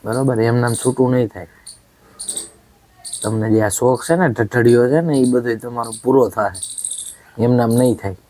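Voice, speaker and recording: A man's voice: medium pitch, fairly even intonation, moderate pace, long pauses, dark tone, slight background noise. Man, angry husband in a home drama, scolding and accusatory, keeps demanding "right?".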